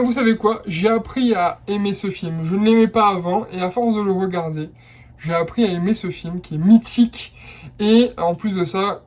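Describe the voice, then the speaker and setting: A man's voice: high-pitched, a little mellow. A young man hosting a casual blind test quiz, chatty and enthusiastic, with personal asides between rounds. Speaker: quiz host.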